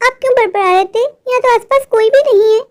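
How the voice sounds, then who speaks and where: A worried, caring cartoon wife, voiced by a woman with a very high, bright voice. She fusses over her husband with questions and mild scolding. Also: quick pace. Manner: fussing, questioning, gently scolding.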